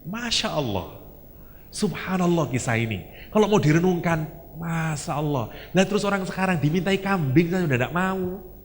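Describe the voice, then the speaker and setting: A man with an East Javanese accent preaching a sermon, telling the story in a lively way with Javanese and English asides. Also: on the high side, normal speed, big-room sound.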